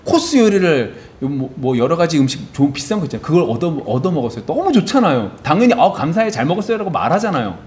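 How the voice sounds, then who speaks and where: A man's voice: on the high side, fast talker, hardly any pauses. A man preaching a sermon as a pastor in a church. He keeps asking the congregation questions and answers them himself. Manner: animated, asks the congregation rhetorical questions; acts out biblical characters in quoted voices. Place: church sanctuary.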